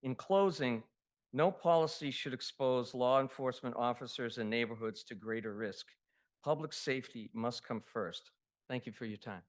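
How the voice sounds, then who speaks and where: A man giving public comment at a city council meeting, reading a prepared statement in a steady, formal way. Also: medium pitch, moderate pace.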